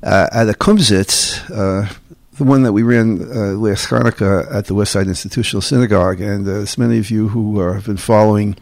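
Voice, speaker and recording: A male host introducing and questioning his guest, stumbling along with a steady stream of fillers. His voice is low and gravelly. The recording is dry and close. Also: dry recording. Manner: halting, with constant "uh" fillers. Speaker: interview host. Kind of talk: casual interview.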